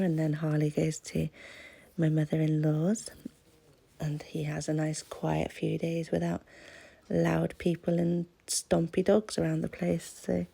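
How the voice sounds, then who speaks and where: Her voice low, dark, slightly rough and full of vocal fry, a British craft channel host narrates a voice-over while stuffed up from a cold. She keeps it casual and pokes fun at herself as she talks.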